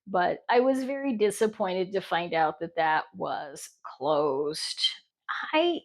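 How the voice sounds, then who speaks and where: A woman's voice: on the low side, big pitch swings, slow. A middle-aged woman from the United States chatting casually on her crochet vlog, rambling with restarts and fillers. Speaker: crochet vlogger. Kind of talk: casual chat.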